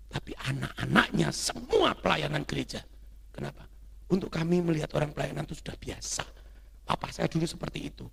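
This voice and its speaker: A middle-aged man with a delivery teaches a church audience in a loud, storytelling style, often checking that listeners agree. His voice sits unusually high and bright, with a gravelly edge. He sounds like a lay speaker addressing a room of parishioners. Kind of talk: religious teaching talk to a congregation.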